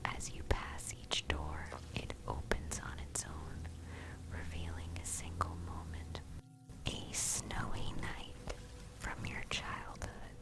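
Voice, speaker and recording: A narrator whispering a scripted ASMR bedtime story in a hushed, soothing, unvoiced way, addressing the listener directly. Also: very deep voice, little pitch movement, low-quality recording. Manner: slow, hushed, soothing second-person storytelling. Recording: clear music bed under whisper. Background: music.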